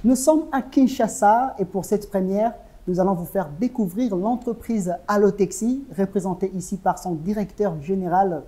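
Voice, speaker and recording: A woman hosting a business web show, asking formal, measured interview questions. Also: mid-range voice, dark tone, faint music behind.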